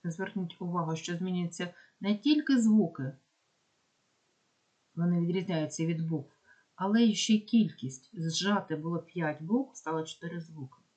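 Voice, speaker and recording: A woman teacher with a Ukrainian accent and a lowish voice explains sound rules step by step. She slows down on each example word and says it carefully. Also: dark tone. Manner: slow, careful dictation of examples. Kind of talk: explaining phonetics lesson.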